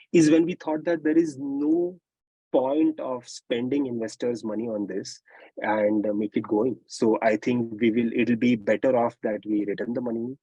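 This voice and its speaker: A man's voice: medium pitch, a little mellow, breathy edge, dry recording, low-quality recording. A man with an Indian English accent, a startup founder talking through investing advice on a podcast, earnest and peppered with "right?" and "um". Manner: earnest, advisory, frequent "right?" and "um" fillers. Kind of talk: casual podcast conversation.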